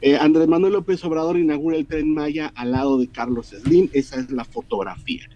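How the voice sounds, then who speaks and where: Man from Mexico, middle-aged, earnest political commentator, halting repeats, mellow tone. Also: fairly high pitch, steady tone, lo-fi sound. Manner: earnest, repeats words while building his point. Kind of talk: radio interview commentary.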